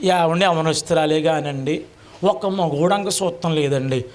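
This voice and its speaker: A man's voice: on the high side, normal speed, voice pushed down, natural voice. A preacher voicing a humble male farm servant who answers his master politely and deferentially. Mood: praising. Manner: deferential, polite "andi" endings.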